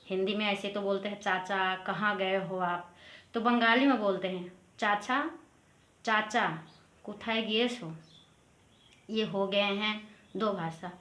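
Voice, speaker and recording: Woman, casual language lesson, repeats phrases twice, mid pitch, echoey room. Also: steady tone, a little slow, pauses often, a bit bright. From Assam, India. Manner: repetitive, explains each phrase twice. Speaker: language teacher. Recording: roomy echo.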